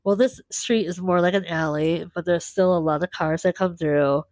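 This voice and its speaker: Lively woman telling a travel story. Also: lowish voice, moderate pace, dry recording. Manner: lively, acts out quoted voices. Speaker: podcast host.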